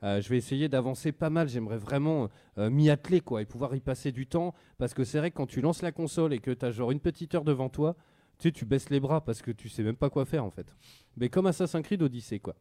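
Fast-talking radio host, dry studio. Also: male voice, medium pitch, dark tone, dry recording. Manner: loose, slangy, rambling with many fillers. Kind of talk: casual radio chat about video games. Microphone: studio microphone.

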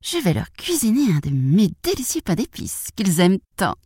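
A woman's voice: mid-range voice, wildly swooping pitch, moderate pace, warm tone, breathy edge, no echo, clean studio sound. Woman doing a kindly old grandmother. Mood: fond. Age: older.

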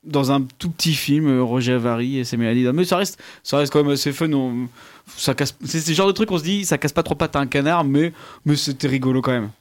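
A man's voice: medium pitch, fast talker. A man chatting casually as a film critic, rambling loosely with lots of restarts. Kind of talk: casual film review chat.

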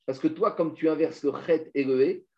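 A man teaching a Talmud study class, explaining with lively energy and weaving in quoted Hebrew and Aramaic phrases. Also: on the high side, moderate pace. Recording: muffled lo-fi recording.

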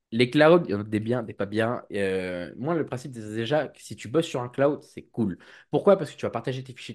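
On a casual podcast, a male IT and cybersecurity guest rambles about his work. His voice is a slightly mellow, ordinary middle pitch, and he keeps restarting sentences and acting out playful quoted exchanges.

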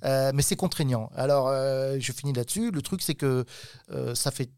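A man's voice: mid-range voice, moderate pace, a little mellow, smooth, dry recording, studio quality. A middle-aged man from southwest France, a talent agent for children, talking casually in an interview with lots of fillers and restarts. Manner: hesitant, many fillers and restarts.

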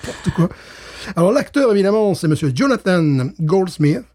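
A man's voice: high-pitched, moderate pace. A middle-aged man co-hosting a podcast in casual chat, stammering and repeating words as he tells stories with laughs. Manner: animated storyteller, laughs while telling. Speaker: podcast co-host.

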